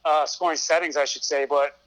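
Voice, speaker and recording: Podcast guest, male, thick Brooklyn accent, forceful higher-pitched voice, conversational interview delivery. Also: fairly even intonation, fairly quick, low-quality recording. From Brooklyn, New York. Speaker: podcast guest, fantasy sports show host.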